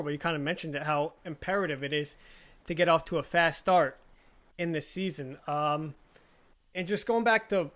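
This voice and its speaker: A man's voice: a little high, fairly bright tone. A man hosting a podcast interview, asking casual questions full of fillers like "like" and "uh" and laughing easily. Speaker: podcast host.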